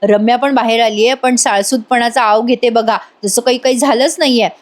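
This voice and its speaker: A woman's voice: on the high side, steady tone, brisk. A woman recapping a TV serial episode in a voice-over, chatting directly to her viewers.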